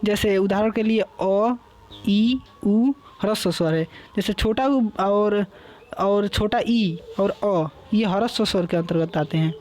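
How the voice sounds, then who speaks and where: A man's voice: sits high, slow, darkish tone. A young man teaching a lecture, explaining patiently, repeating terms and drawing out vowel sounds as examples. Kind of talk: classroom lecture.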